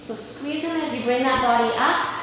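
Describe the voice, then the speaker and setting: Echoey reverberant room, woman fitness instructor, higher-pitched voice, slightly winded, coaching while doing push-ups, encouraging cues. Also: moderate pace, a bit bright. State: slightly out of breath. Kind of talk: coaching a workout while exercising. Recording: very echoey room, faint background noise.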